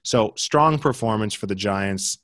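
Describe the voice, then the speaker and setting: A young American man co-hosts a podcast in a clean, echo-free studio, casually chatting about basketball results with lots of fillers and restarts. His voice sits fairly low, a bit bright, at a measured pace.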